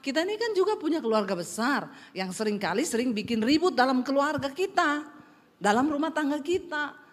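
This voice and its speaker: A woman pastor with a Sulawesi accent preaching a sermon, animated and humorous, with a lively rising intonation. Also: high voice, brisk. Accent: Sulawesi Indonesian. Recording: long hall reverb.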